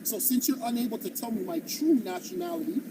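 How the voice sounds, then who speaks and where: A man's voice: very high-pitched, big pitch swings, quick pace, vocal fry. A man from Jamaica preaching on the street and debating passersby, insistent and full of rhetorical questions. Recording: distant mic, loud traffic noise.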